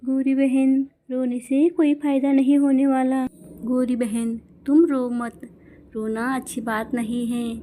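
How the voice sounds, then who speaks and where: A woman's voice: high-pitched, flat delivery, slow pace, mellow, a little hiss or hum. A woman voicing Bulbul, a caring female songbird who comforts her friend. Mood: consoling. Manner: soothing, consoling.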